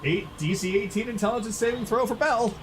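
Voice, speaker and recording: A man's voice: high-pitched, fast talker, a loud crowd. A man acting as dungeon master of a tabletop game, talking casually, laughing and swearing freely. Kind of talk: running a tabletop game over voice chat.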